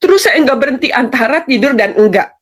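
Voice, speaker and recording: A woman speaks in a somewhat high voice, telling her own story earnestly. She talks conversationally and keeps turning to address the interviewer. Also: lively intonation, a little fast. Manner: earnest storytelling, addresses host often as Bang. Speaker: guest giving testimony.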